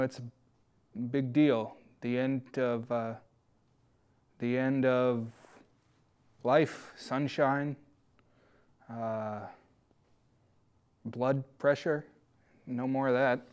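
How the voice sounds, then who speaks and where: A man in his thirties playing an earnest undead horror host count in a comedy sketch, talking in a halting, ponderous way. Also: fairly high pitch, smooth. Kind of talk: comic sketch monologue.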